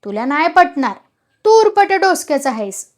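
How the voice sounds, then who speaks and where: A woman voicing a sarcastic old village man who taunts loudly. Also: extremely high pitch, sing-song, extremely slow, full character voice. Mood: mocking. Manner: mocking, loud.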